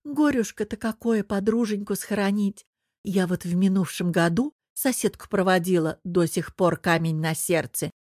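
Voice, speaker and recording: A woman voicing a chatty, doting older aunt who coos and fusses in a high, loud voice, read in an audiobook. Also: normal speed, no echo, studio quality, close to an everyday voice. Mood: fussing. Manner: cooing, gushing, high and loud.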